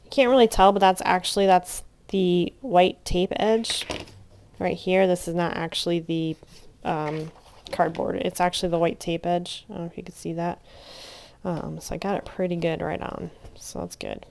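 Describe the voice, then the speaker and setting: A woman with a slightly low voice talks through a hands-on craft tutorial at home. She is chatty and meandering, often trailing off and restarting as she works. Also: steady tone, moderate pace, vocal fry, darkish tone, a little hiss or hum. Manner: chatty, rambling, many fillers and restarts. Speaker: crafter teaching junk journal making. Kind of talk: casual craft tutorial narration.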